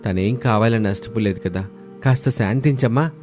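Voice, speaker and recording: Man voicing caring young husband, mid-pitched, earnest, cartoon story. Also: moderate pace, darkish tone, faint music behind, natural voice. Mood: pleading.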